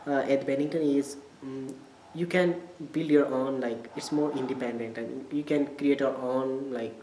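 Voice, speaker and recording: A young college student with a Nepali accent answers interview questions casually, hesitating and searching for words. His mid-range voice is warm, with fairly even intonation and a moderate pace, recorded in an echoey room with background noise.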